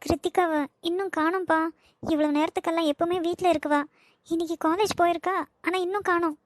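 A woman's voice: extremely high pitch, fairly even intonation, no echo, clean studio sound. A woman voicing fretful family women with a Kanyakumari accent. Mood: worried. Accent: Kanyakumari Tamil. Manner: fretful, quick family bickering. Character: anxious women of a busy family household. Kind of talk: cartoon voice acting.

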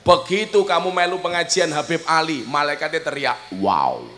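A man with a Javanese accent preaching a humorous sermon at a village gathering, swinging between loud preaching and soft joking asides. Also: a little high, fairly quick, a little hiss or hum. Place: outdoor village event.

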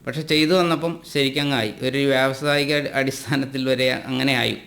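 A man from Kerala, a farmer guest with a Malayali accent, explaining his methods in plain, unhurried interview talk with some hesitations. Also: mid-range voice, fairly even intonation, vocal fry, fairly bright tone. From Kerala, India.

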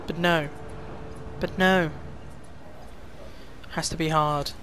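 A young Welsh gaming YouTuber with a fairly high, steady voice comments casually on his gameplay over very noisy audio. He sounds frustrated, swearing often in quick outbursts.

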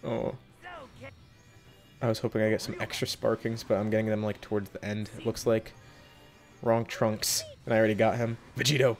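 A young man hosting a mobile game summoning video, talking casually to viewers and yelping with excitement between low muttered comments. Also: normal speed, long pauses, soft background music. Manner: excitable, jumps into high yelps when hyped, muttering between pulls. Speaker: gaming video host. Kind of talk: casual gacha summon reaction.

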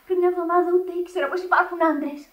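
In a Greek radio drama, an actress with an extremely high, fairly even voice plays an eager, lovestruck teenage Italian-immigrant girl, a girlish, impulsive daughter pleading. The old radio recording is lo-fi, roomy, and distant, with a loud crowd.

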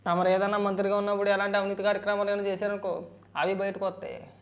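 A man's voice: sits high, level tone, very fast. A man giving political commentary, arguing back with rhetorical questions.

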